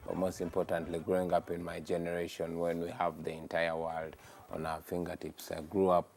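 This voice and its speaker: A man's voice: sits low, completely flat delivery, brisk, creaky, a little mellow, slight background noise. A man from Uganda, a musician guest speaking earnestly in a TV morning show interview. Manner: earnest, speaks in sweeping statements. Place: TV studio.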